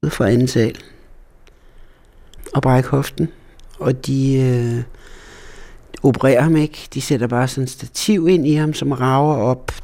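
A Danish man looks back on hard times in a blunt, emphatic way and swears now and then. His voice has a gravelly edge and sits at an ordinary pitch. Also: steady tone, pauses often, dark tone. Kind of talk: personal recollection.

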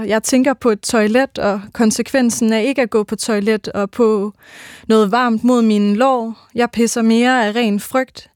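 A woman giving a measured, rhythmic reading of her own first-person literary prose. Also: fairly high pitch, a little mellow, no echo, studio quality.

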